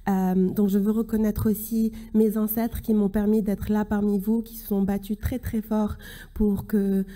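A woman's voice: mid-range voice, level tone, mellow. Earnest woman speaking at a podium. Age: 30s. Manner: earnest, halting with many restarts. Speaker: keynote speaker. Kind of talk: conference speech. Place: large conference hall stage at a podium. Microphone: podium microphone.

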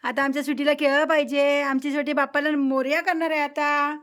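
A woman's voice: high voice, level tone, brisk, fairly bright tone. A woman with a Marathi accent, casually chatting to her pets at home in coaxing baby talk during a vlog. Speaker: vlogger talking to her pets.

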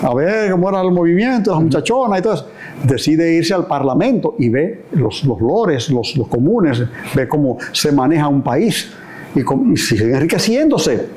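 An older man with a Dominican Spanish accent, a guest telling history as a lively storyteller, seated in an interview with a lapel mic. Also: a little high, normal speed. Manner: animated storyteller, acts out dialogue and gestures broadly. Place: indoor living room set.

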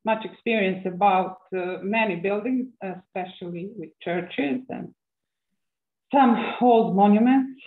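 Woman, Serbian accent, slow hesitant delivery, webinar participant on tinny call audio. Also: mid-range voice. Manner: halting, hesitant phrasing. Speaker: webinar participant from a cultural heritage institution. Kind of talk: spontaneous question in an online meeting. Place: office room with ceiling lights. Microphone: computer mic on a video call. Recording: muffled, phone-like video call audio.

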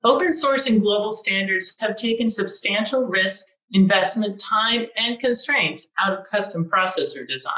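A woman in her forties giving a scripted keynote from her living room, upbeat and measured. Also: medium pitch, sharp tone. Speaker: chief executive giving a keynote. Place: sunlit living room at home, indoors. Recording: roomy, distant, dull lo-fi sound.

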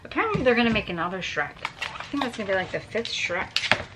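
Very animated and fast-talking, a medium-pitched woman in her thirties rummages through an indoor metal storage unit amid a very noisy background. She resells what she finds, narrating casually and wryly to the camera as she thinks aloud about each item.

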